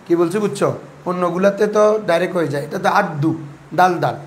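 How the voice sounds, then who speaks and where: A racing, high-sitting male voice leads a class in Arabic grammar and Quran recitation rules, quizzing the pupils by repeating questions and having them answer back. There is a slight hiss or hum.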